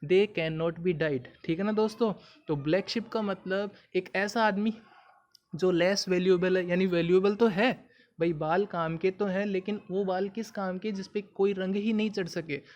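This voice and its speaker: A man's voice: high-pitched, steady tone, moderate pace, a little mellow, muffled recording. A man with a Hindi accent teaching English idioms in a video lesson, explaining patiently and asking the viewer questions.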